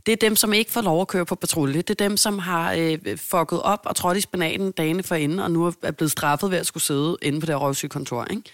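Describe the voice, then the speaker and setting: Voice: mid-range voice, few pauses, no room sound, studio quality. A podcast co-host telling a long story in casual chat and acting out the people in it. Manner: animated, acts out the people in the story.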